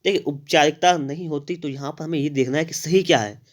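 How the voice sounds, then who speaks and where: A man teaching a spelling lesson for exam preparation, explaining each answer step by step and slowly repeating the key words. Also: a little high. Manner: addresses students directly, with frequent "thik hai" checks. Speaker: Hindi grammar teacher.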